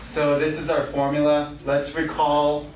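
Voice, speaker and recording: A man's voice: on the high side, completely flat delivery, measured pace. A man teaching algebra to a class, joking and laughing as he quizzes his students. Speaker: math teacher. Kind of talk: classroom lesson. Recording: echoey classroom, distant mic, noisy.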